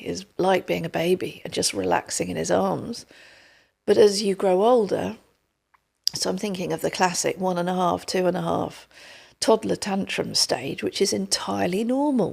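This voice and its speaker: A woman's voice: mid-range voice, vocal fry, darkish tone, breathy edge. A middle-aged woman, hosting a podcast in casual conversation, telling stories tenderly and acting out what people say. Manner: tender, storytelling, acts out quotes. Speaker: podcast host.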